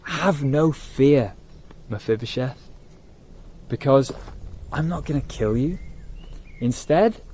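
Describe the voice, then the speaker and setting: A man telling it as a calm, generous old king. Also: medium pitch, slow, a little hiss or hum. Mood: reassuring.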